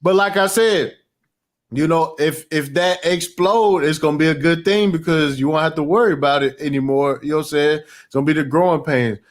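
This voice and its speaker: A man hosting a podcast, chatting casually about crypto in a halting, stammering, slangy way. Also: fairly high pitch. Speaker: podcast host.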